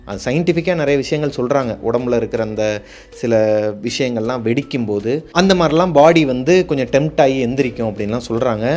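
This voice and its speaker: A man's voice: mid-range voice, a little mellow. A man, hosting a show and telling horror stories in a chatty way, talking straight to his viewers. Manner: chatty, addresses viewers directly. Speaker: horror story host. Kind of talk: casual horror storytelling.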